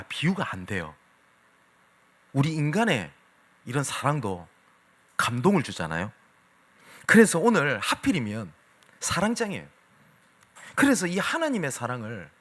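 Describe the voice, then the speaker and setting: Pastor with a very lively, swooping pitch. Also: male voice. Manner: animated storytelling with swings from loud to hushed. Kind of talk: sermon. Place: church sanctuary.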